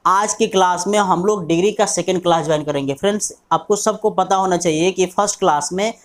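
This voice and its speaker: A man's voice: high-pitched, brisk. A man with an Indian English accent, teaching an online English lesson in Hindi mixed with English. He spells words out letter by letter and repeats his questions to the class.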